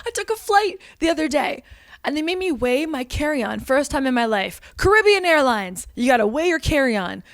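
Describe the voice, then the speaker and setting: A woman with a high, bright-toned voice tears through a comedic rant, firing off exasperated rhetorical questions and curse words. Her delivery is sarcastic and full of sudden outbursts, and the recording is dry, with no room sound. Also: big pitch swings, moderate pace, dry recording. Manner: sarcastic, exasperated, swearing freely. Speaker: comedian and show host.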